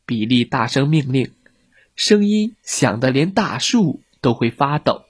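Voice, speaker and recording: A narrator telling a children's story in a lively, expressive way. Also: medium pitch, measured pace, slightly rough, no room sound, studio quality.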